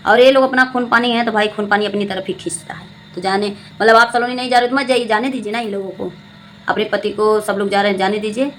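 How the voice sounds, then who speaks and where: A woman's voice: medium pitch, steady tone, fast, fairly bright tone, slight background noise, rough recording. A young adult woman, giving preachy, scolding commentary to her viewers and repeating her points. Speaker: vlogger commenting on a family channel. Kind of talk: casual spoken commentary to viewers.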